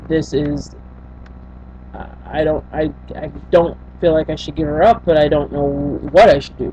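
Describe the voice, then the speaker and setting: A young Senegalese woman vlogs into her built-in webcam mic from a small bedroom, telling a personal story to camera. Her voice is low-pitched and mellow, but she speaks haltingly, with many fillers and restarts. The recording sounds dull and lo-fi, with a faint hum beneath it.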